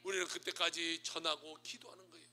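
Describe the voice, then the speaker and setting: A man, a pastor, preaching a sermon and telling a story dramatically, swinging between loud and hushed delivery. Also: fairly high pitch, little pitch movement, a little fast.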